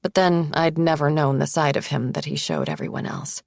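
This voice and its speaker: Low, gravelly woman narrating a thriller. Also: sing-song, moderate pace, no room sound, clean studio sound. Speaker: audiobook narrator. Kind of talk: first-person thriller narration.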